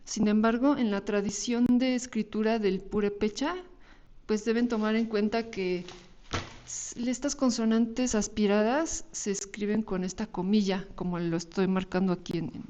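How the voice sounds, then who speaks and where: Mellow-voiced woman lecturing on phonetics. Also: mid-range voice, steady tone, normal speed. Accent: Mexican Spanish. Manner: explanatory, frequent tag questions and small restarts. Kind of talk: recorded university lecture over slides.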